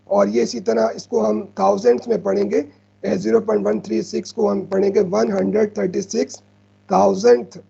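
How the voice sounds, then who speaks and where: A math teacher with a high-sitting, gravelly voice, warm in tone with a breathy edge, patiently teaches decimals over slides. He repeats himself often, saying "ठीक है" frequently and mixing in English terms, on dull-sounding audio.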